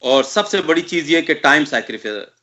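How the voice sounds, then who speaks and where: A male guest with a bright, forceful tone and a fairly high voice answers in a measured way, laying out his points one by one. The sound is slightly dull and muffled. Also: expressive. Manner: measured, explanatory, lists points in order. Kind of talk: interview answer.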